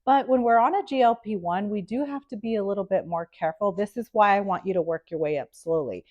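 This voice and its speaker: This health vlog features a nutritionist talking quickly to camera in a medium-pitched, slightly mellow voice, with the high frequencies cut off. She's upbeat and chatty, nasal from a cold, and checks in with "okay?".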